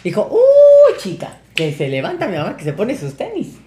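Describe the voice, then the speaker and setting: A young man with a Mexican Spanish accent, telling a personal story as a podcast guest in a casual, animated way, acting out the voices of the people in it and swearing freely. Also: high voice, quick pace, a little hiss or hum. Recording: roomy echo.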